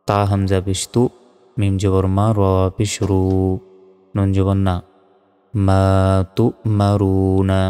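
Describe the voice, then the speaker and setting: A man teaching Quran reading, spelling out Arabic syllables one by one and then reciting the verse slowly. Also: sits low, mellow, smooth, big-room sound.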